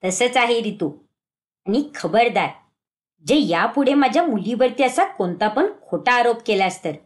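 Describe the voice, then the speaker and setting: A woman's voice: fairly high pitch, expressive, unhurried. A woman voicing a stern middle-aged mother-in-law who scolds and commands. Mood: scolding.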